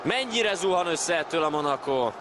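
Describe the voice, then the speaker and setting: A Hungarian man giving excited live football commentary, ready to break into shouts at key moments. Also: fairly high pitch, crowd noise, background noise.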